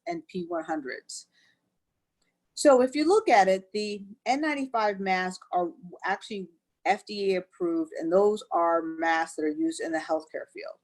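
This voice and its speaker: A woman with a slightly low voice presents a health webinar as a doctor. She explains things step by step, plainly and patiently, leaning on the word "actually". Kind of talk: educational webinar talk.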